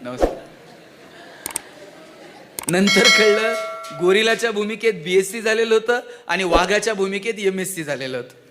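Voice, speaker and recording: A man's voice: sits high, moderate pace, long pauses, heavy background noise. A man giving a motivational speech to students, full of rhetorical questions to the audience. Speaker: motivational speaker.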